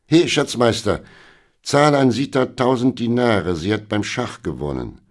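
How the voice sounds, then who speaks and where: A man's voice: on the low side, animated, measured pace, a little mellow, pitched above the performer's own voice. A man voicing a pensive middle-aged sultan who muses aloud and gives orders, in a storybook reading. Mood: musing.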